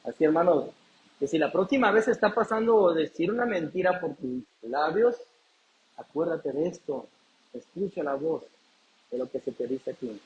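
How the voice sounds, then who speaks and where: A man with a high voice delivers a sermon from the pulpit. He keeps asking the congregation questions and answering them himself. The recording sounds dull and muffled. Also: normal speed, a little hiss or hum. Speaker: pastor.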